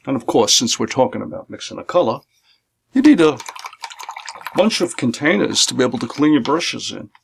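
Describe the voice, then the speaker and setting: A middle-aged man, an art instructor, calmly and methodically walks through his painting supplies, listing them one by one. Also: mid-range voice, moderate pace, creaky, breathy edge. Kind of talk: instructional demonstration. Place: home art studio, indoors.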